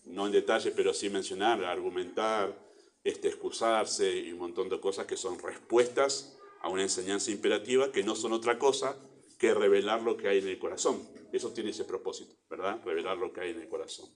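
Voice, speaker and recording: A man's voice: low-pitched, fairly even intonation, fairly quick, a little hiss or hum. Earnest Argentine man preaching. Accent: Argentine Spanish. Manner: earnest preaching, rising to emphatic bursts then dropping to quiet asides. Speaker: pastor. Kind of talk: sermon. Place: church.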